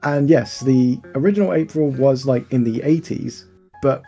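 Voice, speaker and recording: A man's voice: medium pitch, moderate pace, vocal fry, mellow, soft background music. A man in his thirties, a guest in a casual chat, easygoing and rambling with frequent chuckles. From England. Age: 30s.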